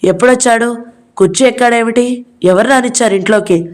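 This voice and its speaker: A woman voicing a quick-tempered young man who shouts and hurls scornful insults at his sister's husband. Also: medium pitch, lightly acted. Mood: furious.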